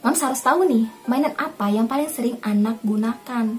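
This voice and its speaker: A woman's voice: a little high, brisk. A young Indonesian mother hosting a home tutorial, speaking casually and repeating herself as she talks to viewers she calls Mams. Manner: warm, repetitive, addresses viewers as Mams. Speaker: parenting channel host, mother.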